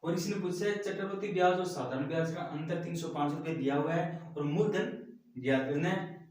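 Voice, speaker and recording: A man's voice: a little high, a little fast, a little mellow. A man teaching a math lesson step by step, often addressing the class as friends. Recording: very echoey room, mic at a distance.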